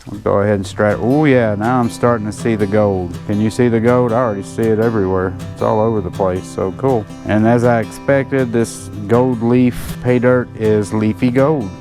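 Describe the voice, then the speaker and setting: Over music, a man with a fairly low, steady voice runs a gold panning channel, talking at a moderate pace with hardly any pauses. He chats casually and jokes at his own expense while working through a hands-on demonstration, a relaxed demo-vlog style.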